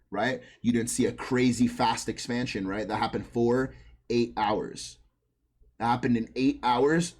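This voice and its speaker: A man giving a casual trading lesson, blunt and heavily profane, constantly checking in with "right?" and "you understand?". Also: mid-range voice. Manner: frequent tag questions "right?" and "you understand?". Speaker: trading instructor.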